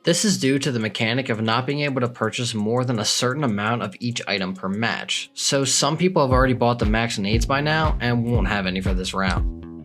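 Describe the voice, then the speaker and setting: Upbeat man narrating a game guide over music. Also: mid-range voice. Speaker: co-host of a gaming channel.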